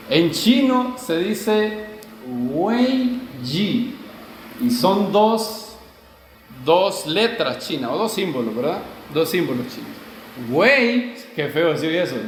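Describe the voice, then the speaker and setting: A man's voice: high-pitched, a little hiss or hum. Man preaching in an echoey hall. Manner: rhetorical questions answered himself. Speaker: pastor. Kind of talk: sermon.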